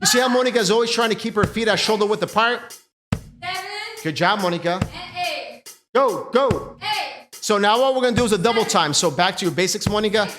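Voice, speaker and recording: A high-pitched man leads a workout as an energetic aerobics instructor. He calls out cues and encouragement over clearly audible music. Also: brisk, long pauses. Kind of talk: instructing a cardio kickboxing workout with counts and cues. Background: loud workout music.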